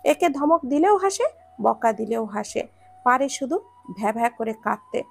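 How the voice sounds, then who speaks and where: A woman narrates a scripted story with expressive delivery. Her voice is high, with a noticeable gravelly fry. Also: normal speed, faint music behind.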